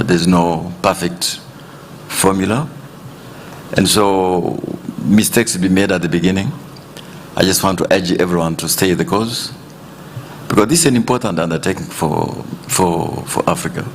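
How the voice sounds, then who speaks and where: A man in his sixties who grew up in Tanzania gives panel remarks in a conference hall. His very deep voice is measured, he chuckles between points, and faint ambient noise sits in the background.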